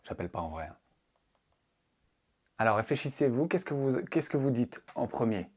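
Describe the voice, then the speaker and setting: A man's voice: mid-range voice, very animated, normal speed. A man teaching a casual spoken language lesson, playful and joking as he explains. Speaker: English teacher.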